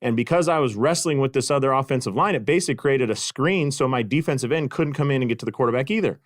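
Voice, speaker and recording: A middle-aged man hosts his podcast and tells stories in a casual, self-deprecating way, full of fillers and restarts. His voice sits at an ordinary pitch and comes across close and dry on the microphone. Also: quick pace, no room sound. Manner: animated, self-deprecating storyteller with frequent fillers. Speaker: podcast host and clinic consultant. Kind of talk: casual storytelling monologue.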